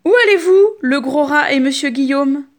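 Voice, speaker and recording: A woman voicing a fussy little hen in a children's story, clucking in a high, quick voice. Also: natural voice. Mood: chirpy.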